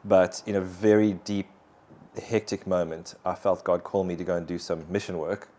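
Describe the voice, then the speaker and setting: A man's voice: deep voice, flat delivery, normal speed, dark tone. A man, sharing his personal faith story in an interview in an earnest, reflective way. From South Africa. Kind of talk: conversational personal testimony.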